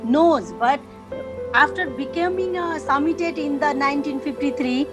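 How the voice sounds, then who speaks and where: As a guest in a casual interview, a Nepali woman with a high voice and a Nepali accent speaks haltingly, using many fillers while she searches for words. Music plays in the background.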